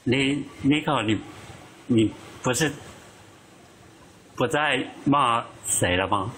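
A man's voice: medium pitch, slow, sharp tone, a little hiss or hum, low-quality recording. A man arguing insistently and protectively in casual talk in an online voice chat room.

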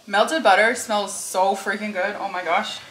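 With a fairly bright, medium-pitched voice and fairly even intonation, a young woman unhurriedly talks through cooking in her home kitchen. As a vlogger, she's chatty and muses aloud while a pan sizzles. Faint noise and kitchen echo color the recording.

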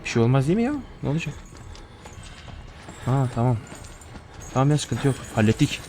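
A man's voice: mid-range voice, expressive, fairly quick, a little mellow, slight background noise. A young man giving casual horror gameplay commentary, nervous and joking, swearing often as he plays. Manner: jittery, profane, joking to himself. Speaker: gaming streamer.

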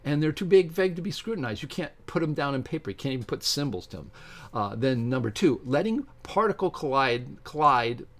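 With a fairly high-pitched voice, an older man who hosts videos and comments on science reads aloud from a book and breaks in with informal remarks. His manner is animated and emphatic, full of asides, and he's indoors in a home study filled with bookshelves.

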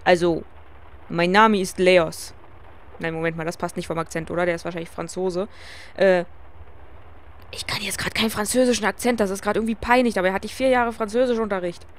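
A woman's voice: medium pitch, steady tone, quick pace. A woman hosting a let's play, commenting casually with self-ironic asides.

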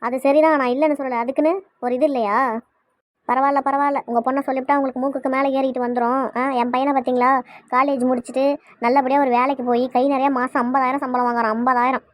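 A woman's voice: high voice, flat delivery, dry recording, natural voice. Bossy cartoon mom, played by a woman, scolding, dry close sound, Kanyakumari Tamil accent. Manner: scolding, rapid-fire. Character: nagging mother, bossy and quick-tempered.

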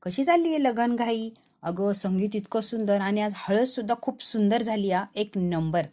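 A woman's voice: medium pitch, moderate pace, warm tone, natural voice. A woman voicing a chatty woman who reassures her friend on the phone.

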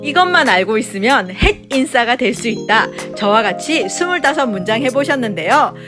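Quick, high-voiced woman teaching phrases. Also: expressive, over music. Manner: repeats each English phrase clearly, then translates quickly. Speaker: English teacher and channel host. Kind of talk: phrase drill lesson for learners.

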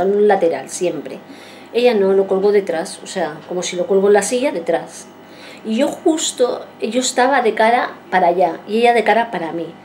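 A woman's voice: mid-range voice, mellow, slight background noise. A woman in her forties, a vlogger telling a long story to her viewers in a rambling way, repeating herself and acting out what people said. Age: 40s. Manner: rambling, repeats herself and acts out quoted speech.

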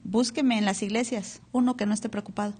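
A woman's voice: mid-range voice, fairly even intonation, fairly quick, darkish tone, slightly rough. A woman pastor preaching a live church sermon, asking the congregation to read along and repeat words aloud. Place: church hall, captured live.

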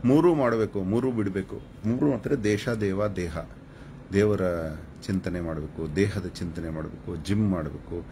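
This channel host's voice sits on the low side, mellow and at a moderate pace, with slight background noise. He's on a live stream offering advice, and his tone toward viewers is preachy, scolding and mocking.

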